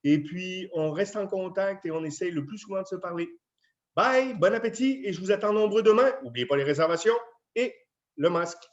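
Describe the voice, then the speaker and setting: A man with a French accent, a chef talking casually and warmly to residents, with many fillers. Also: sits high, animated, brisk. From France. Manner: chatty, friendly, with many fillers. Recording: dull lo-fi video sound.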